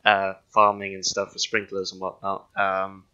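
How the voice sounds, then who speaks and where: A man's voice: deep voice, completely flat delivery, moderate pace, sharp tone, muffled recording, a little hiss or hum. A man chatting casually while gaming, laid-back and giggly, swearing freely. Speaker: gaming friend.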